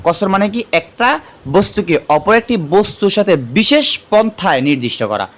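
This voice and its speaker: A man teaching an online madrasa lesson. He explains step by step, repeats key terms and often pauses on fillers. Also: sits high, animated. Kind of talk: online exam-prep lesson.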